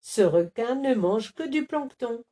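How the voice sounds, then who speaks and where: A woman voicing a cheeky male lemur who teases the wolf in a storybook reading, talking quickly and high. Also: animated, dark tone. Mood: teasing. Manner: teasing, quick.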